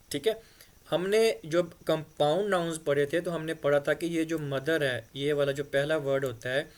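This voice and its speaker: Patient male grammar teacher at a board. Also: fairly high pitch. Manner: patient, repeats "ठीक है" often. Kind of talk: explanatory board lesson.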